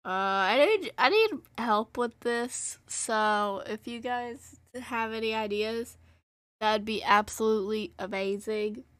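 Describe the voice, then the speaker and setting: A woman's voice: on the high side, slow, no echo. A young woman streaming a game live from home into a close desk mic, chatting in a rambling, self-interrupting way and humming nonsense tunes. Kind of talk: casual live-stream chat over gameplay.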